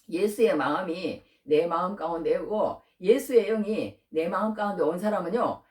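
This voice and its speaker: A woman's voice: medium pitch, a little mellow. A woman preacher giving an emphatic, conversational sermon, repeating her key phrases again and again. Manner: conversational, addresses listeners directly. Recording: echoey hall, from far off the mic.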